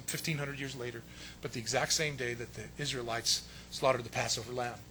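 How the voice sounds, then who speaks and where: A man preaching a sermon with emphatic delivery, swinging between loud stressed phrases and hushed asides. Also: medium pitch, a little hiss or hum. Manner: acts out quotes in a raised voice. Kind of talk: sermon teaching.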